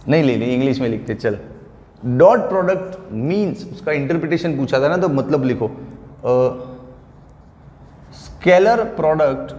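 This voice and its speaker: A man gives a classroom physics lecture in a fairly high voice, unhurried and chatty. He calls his students friend and buddy and spells out key terms slowly so they can write them down. The big classroom sounds echoey, with a lingering reverb. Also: a little mellow. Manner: repeats terms slowly for note-taking. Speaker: physics teacher. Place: classroom with a large board. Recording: echoey room with long reverb.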